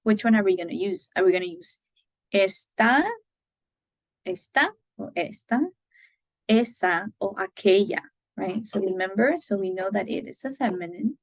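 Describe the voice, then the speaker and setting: A woman teaching Spanish grammar, giving example sentences slowly and checking in with "right?" as she goes. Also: mid-range voice, no room sound, poor audio. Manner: slow, careful model sentences, frequent "right?" checks. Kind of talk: explaining grammar.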